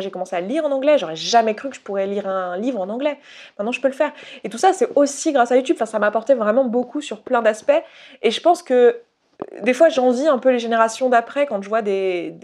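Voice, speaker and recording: A woman's voice: a little high, a little mellow. A young woman from Haute-Savoie talking candidly to camera in a casual vlog, with many restarts and fillers. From Haute-Savoie, France. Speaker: YouTuber.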